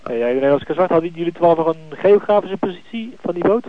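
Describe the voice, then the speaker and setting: A man's voice: fairly high pitch, expressive, fast. A man working as a coast guard radio operator, using formal call-and-confirm radio procedure with frequent hesitations, heard through a crackly radio transmission. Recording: tinny radio with static hiss.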